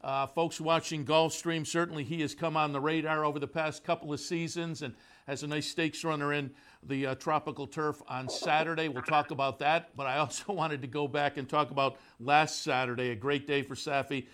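Male racing show host, higher-pitched, casual and rambling. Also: steady tone, moderate pace, a bit bright. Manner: conversational, filler-heavy. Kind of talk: broadcast interview. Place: studio in the Saratoga area.

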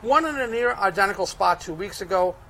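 A man with a Brooklyn accent works through race picks in a conversational way. His voice sits high for a man and has a strong, gravelly creak. He sounds like a handicapper explaining his reasoning. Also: expressive, fairly quick, bright, forceful tone, poor audio. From Brooklyn, United States. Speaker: horse racing handicapper.

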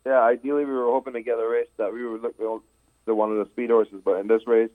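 A man's voice: mid-range voice, level tone, fast talker. A man in his thirties from Barbados, a horse trainer speaking modestly and plainly as an interview guest. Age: 30s. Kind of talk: phone-in interview. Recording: tinny phone line.

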